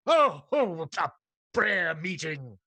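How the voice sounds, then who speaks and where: A man voices a stout, hot-tempered friar who blusters, scolds and guffaws in a radio drama. The voice sits high and bright, swinging wildly in pitch. The sound is dry and close. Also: sing-song, slow, dry recording, full character voice. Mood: exasperated. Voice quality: loud, blustering, laughing. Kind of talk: stage radio-play acting.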